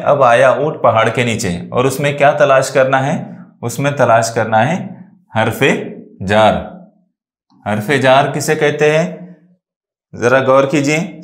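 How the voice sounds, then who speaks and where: Male teacher with an Urdu accent, mid-pitched, patient, quizzes then answers his own questions, roomy echo. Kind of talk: exam-prep grammar lesson.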